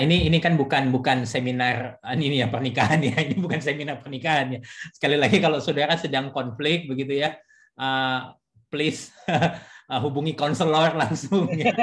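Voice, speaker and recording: A man's voice: mid-range voice, fairly bright tone. A man, a pastor and counselor, talking casually on a church talk show and telling a counseling story with many fillers.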